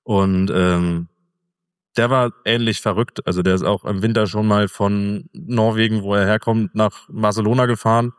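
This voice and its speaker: A middle-aged man as an interview guest, telling a travel story in a relaxed, rambling way with fillers. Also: on the low side, normal speed, clear, resonant tone, no room sound, clean studio sound, in a large hall. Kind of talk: casual conversational storytelling.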